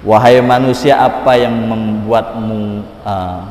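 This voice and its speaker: A man giving an emotive sermon, swinging between loud exhortation and hushed pleading. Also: lowish voice, steady tone, takes it slowly. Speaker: preacher. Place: mosque hall. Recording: roomy echoing hall, faint ambience.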